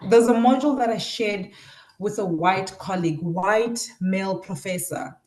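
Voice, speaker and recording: A South African woman, a university lecturer presenting research, gives a reflective academic talk sprinkled with personal anecdotes, acting out the remarks she quotes. Her voice is medium-pitched and somewhat dark, at normal speed, in a roomy, echoing space.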